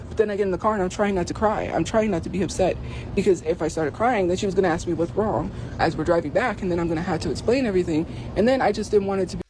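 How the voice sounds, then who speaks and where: A man's voice: high voice, background noise. A man telling an emotional personal story in a rambling, filler-heavy way, recorded outside.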